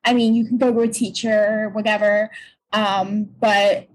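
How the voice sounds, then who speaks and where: On a low-quality recording, a young American woman speaks unhurriedly in a mid-range voice with little pitch movement, though her tone stays childlike and youthful. A voice and stage actor from Pennsylvania, she is an interview guest who talks casually and reflectively, often hesitating.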